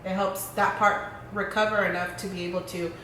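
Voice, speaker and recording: A woman's voice: mid-range voice, flat delivery, normal speed, pushed and bright, recorded from a distance, a little hiss or hum. A woman co-hosting a casual Q&A vlog, chatty and teasing as she talks things through. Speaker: co-host asking questions. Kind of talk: casual Q&A chat. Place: indoor lounge room. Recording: echoey room.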